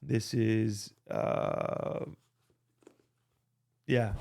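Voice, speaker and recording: A man's voice: lowish voice, very slow, gravelly, a little mellow. A young man, rambling through a casual vlog with lots of fillers and restarts, into a desk microphone. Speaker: vlogger.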